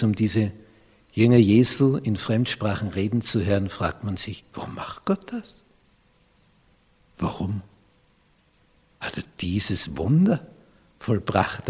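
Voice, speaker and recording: A man with an Austrian accent preaching a sermon as pastor, swinging from loud emphatic peaks down to hushed near-whispers. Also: lowish voice, slightly rough, in a large hall.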